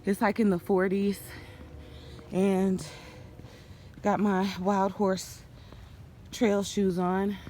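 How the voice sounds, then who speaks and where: A woman's voice: mid-range voice, flat delivery, extremely slow, long pauses, darkish tone. A woman chatting casually to her vlog, out of breath while out running and walking on a trail. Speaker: vlogger and runner. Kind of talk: casual outdoor vlog chat. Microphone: handheld phone. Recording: noisy outdoor phone recording.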